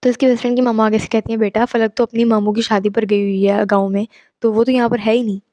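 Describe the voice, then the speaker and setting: A woman's voice: on the high side, little pitch movement, fast talker, mellow, dry recording. A young woman casually telling a horror story, chatty and mixing in English asides. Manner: chatty, mixes English asides, exclaims at the listener.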